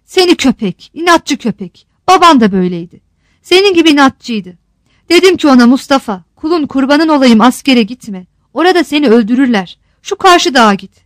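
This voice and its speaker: A woman's voice: high-pitched, lively intonation, brisk, no echo. A woman voicing a fiery little old mother. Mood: reproachful. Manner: scolding, insistent.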